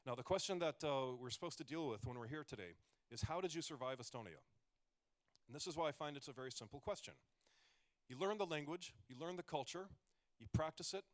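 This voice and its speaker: This male voice is slightly high with a fairly bright tone. It belongs to a forties-aged American comedian delivering a loose, conversational stage talk, peppered with joking asides and rambling restarts.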